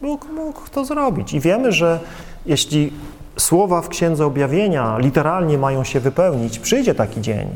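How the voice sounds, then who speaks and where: A man preaching a sermon with passion and emphasis, using dramatic pauses and addressing his listeners directly. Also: fairly high pitch, sing-song. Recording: long reverb of a large hall.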